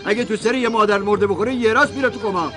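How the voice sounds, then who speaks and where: A man's voice: high voice, over music, close to an everyday voice. An actor dubbing a bossy but doting middle-aged man who scolds his cooks and sweet-talks his wife. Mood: scolding. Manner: scolding then sweetly coaxing. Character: fussy middle-aged male house owner, doting and bossy. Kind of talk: Persian film dub.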